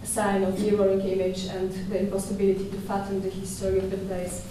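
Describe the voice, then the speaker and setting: A young woman curator giving a conference talk at a podium microphone in a dark lecture hall, measured and thoughtful with small hesitations and restarts. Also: mid-range voice, completely flat delivery, slight background noise. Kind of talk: conference presentation. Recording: echoey hall from far off.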